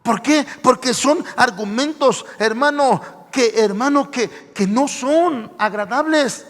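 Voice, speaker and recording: A man's voice: very high-pitched, takes it slowly. A man preaching a sermon as pastor, emphatic and full of direct appeals to his listeners. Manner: emphatic, repeats "hermano", rising to shouts. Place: church sanctuary. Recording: echoey church hall reverb.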